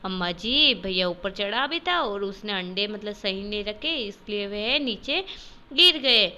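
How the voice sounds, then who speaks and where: A woman's voice: mid-range voice, lively intonation, a little slow, bright, forceful tone, smooth. A woman voicing a timid young girl who pleads politely with her elder in a storybook reading. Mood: pleading.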